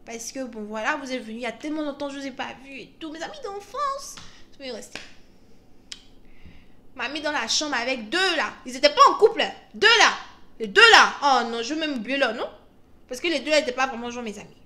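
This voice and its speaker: A young woman giving a casual tarot reading, telling stories in an animated way, laughing often and mixing in English words. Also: sits high, a little fast, slight background noise. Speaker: tarot reader.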